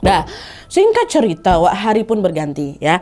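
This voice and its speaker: A woman host telling a horror story in a chatty, expressive way, often calling her listeners "wak". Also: mid-range voice, moderate pace. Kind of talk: casual horror story narration.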